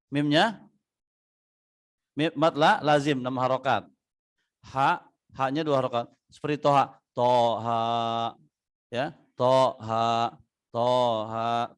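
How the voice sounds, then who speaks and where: A male teacher gives an informal lesson on Quran recitation in a mid-pitched, everyday voice. He goes through the rules patiently, drops in "ya" after nearly every phrase and checks whether his students have understood. When he gives examples he draws the letters out slowly, in a half-chant. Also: clear, resonant tone. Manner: explains step by step, asks students questions, many "ya" fillers. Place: online class or recorded study session.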